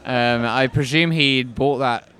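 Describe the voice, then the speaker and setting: A man's voice: medium pitch, takes it slowly, fairly bright tone. A man with a mid-range voice co-hosts a casual podcast. He tells his stories in a dry, joking way. He is recorded outdoors in an urban setting. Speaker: podcast co-host.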